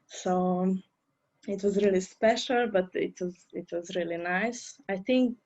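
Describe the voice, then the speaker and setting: A woman's voice: mid-range voice, a little slow, darkish tone, dull audio. A woman, a dancer, answering interview questions in careful, English. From Hungary. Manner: speaks careful non-native English.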